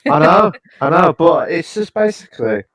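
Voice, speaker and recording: A British man co-hosting a podcast, chatting casually with many fillers, restarts and hesitant pauses. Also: a little high, sing-song, heavy background noise. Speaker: podcast co-host. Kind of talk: casual chat.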